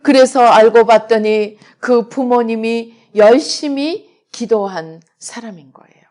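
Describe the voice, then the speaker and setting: A middle-aged woman pastor preaching a sermon, swinging between loud emphatic lines and quiet asides. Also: a little high, measured pace. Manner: acts out prayers and God's replies in quoted voices.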